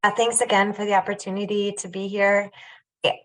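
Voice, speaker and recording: Woman panelist, mid pitch, upbeat and conversational. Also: level tone, fairly quick, poor audio. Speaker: health plan panelist. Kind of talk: panel remarks.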